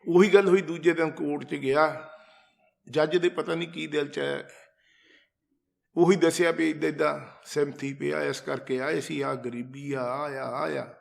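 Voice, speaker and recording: A man's voice: on the high side, steady tone, unhurried, vocal fry. A man telling a personal devotional story in a casual, conversational way, retelling conversations and turning to his listeners with asides. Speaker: storyteller sharing a devotional account. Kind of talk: casual spoken testimony.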